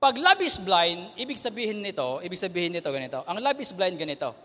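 Man, Bible teacher, high and bouncy voice, hall reverb, keeps checking in with the room. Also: quick pace. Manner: animated, asks the audience "okay?" again and again. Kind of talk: Taglish Bible lesson to a youth group.

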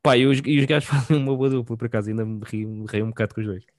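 A man's voice: medium pitch, steady tone, very fast, a little mellow, no echo. A man with a European Portuguese accent chatting casually as a podcast co-host, in informal, slangy language. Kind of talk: casual chat.

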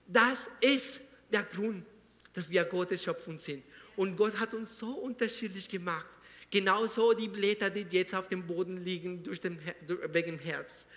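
A man preaches with fervor, hammering key phrases again and again in halting German full of small grammar slips. His voice sits high and sounds sharp and forceful. A long reverb trails every line in the church hall. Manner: fervent, repeats phrases for emphasis. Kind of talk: sermon.

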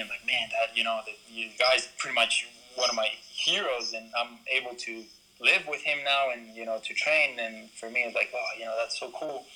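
A man's voice: mid-range voice, pushed and bright, low-quality recording. A young man from Ecuador, a BMX racer, talking casually in an interview with lots of fillers and restarts. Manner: rambling, many fillers and restarts.

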